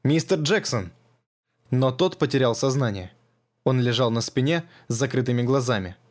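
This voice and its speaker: A male narrator reads an audiobook at a measured, even pace. His voice is mid-pitched and steady, and his delivery stays controlled throughout. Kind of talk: scripted narration.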